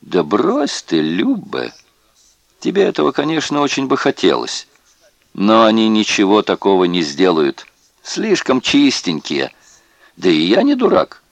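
This is a cruel, tipsy camp guard who sneers and taunts with mock friendliness, as a man reads him out. The voice sits higher than the reader's own and has a gravelly edge. It swings up and down a lot and sounds dry and close. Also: huge pitch swings, a little slow, no room sound, exaggerated voice. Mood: gloating.

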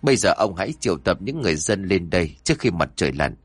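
A man's voice: low voice, big pitch swings, fast, slightly rough, no echo, heavily acted. A man voicing a stern, wise male exorcist master who lectures and admonishes firmly in an audio story. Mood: admonishing.

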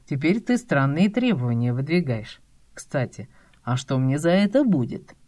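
A woman reading an audiobook, voicing a dry, teasing middle-aged male publishing boss with a lowered, drawn-out delivery. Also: very animated, dark tone. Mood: wry teasing.

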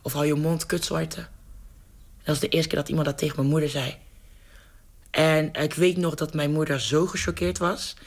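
A young woman, telling a personal story in a radio interview with vivid, animated delivery and frequent restarts. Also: sits low, normal speed, pauses often. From Netherlands, North Brabant. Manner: lively, vivid storyteller who restarts sentences and acts out scenes.

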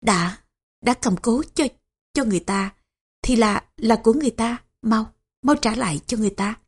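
A woman's voice: medium pitch, normal speed, gravelly, darkish tone, slightly rough. Woman voicing a stammering dying old father. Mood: frail, faltering. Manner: stammering, faltering weak speech.

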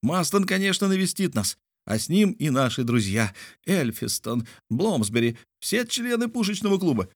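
A man voicing an excitable, boastful male space traveler who shouts in bombastic exclamations in an audiobook. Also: a little high, moderate pace, no echo, clean studio sound, pitched above the performer's own voice. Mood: jubilant.

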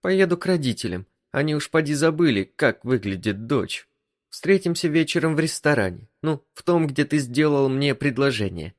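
A man voicing an agitated young wife in a high, squealing, indignant tone in an audiobook. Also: lively intonation, moderate pace, close to an everyday voice. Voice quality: shrill. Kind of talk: audiobook reading.

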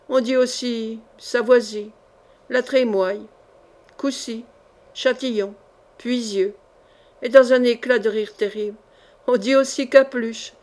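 A haughty queen speaks with cold scorn and fierce pride in a fairly high voice, as a woman reading an audiobook puts her on. She sounds proud and passionate, looking down on everyone around her. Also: darkish tone, natural voice.

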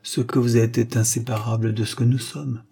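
A man's voice: medium pitch, little pitch movement, brisk, vocal fry, mellow, breathy edge. A man voicing a stern, proud aristocratic father, an aging marquis, in an audiobook, solemn and insistent.

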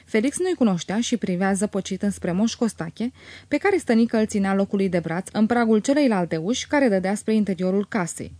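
An audiobook narrator, a woman, reads a classic novel aloud in a measured, expressive manner. Her voice sits at medium pitch, with no room sound.

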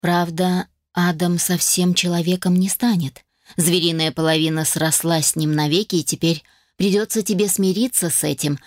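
A woman voicing a sly, mischievous female fairy who teases in a smug, lowered voice. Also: fairly even intonation, normal speed, no room sound, clean studio sound, close to an everyday voice. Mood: teasing. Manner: teasing, smug, with soft giggles. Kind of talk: audiobook character voice.

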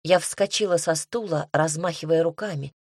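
A woman narrating a first-person fantasy audiobook in the voice of an indignant, sharp-tongued heroine. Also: deep voice, normal speed, no room sound, studio quality.

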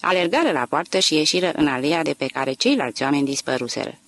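Woman reading a novel aloud, low voice, lots of rise and fall, dry close sound. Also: no room sound. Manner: expressive, dramatic reading. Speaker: audiobook narrator. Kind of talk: literary audiobook narration.

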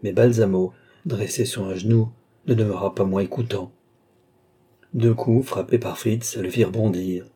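A man reading a classic novel aloud as an audiobook narrator, in a measured literary manner. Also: fairly low pitch, steady tone, mellow, breathy edge.

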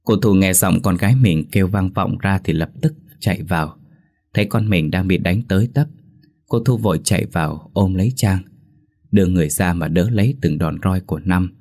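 A man's voice: sits low, moderate pace, a little mellow. A man narrating a horror story in a dramatic, suspenseful manner.

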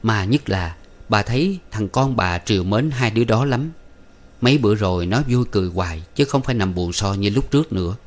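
A man reading a story aloud as narrator in a steady, even manner. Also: lowish voice, fairly quick. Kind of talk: audiobook narration.

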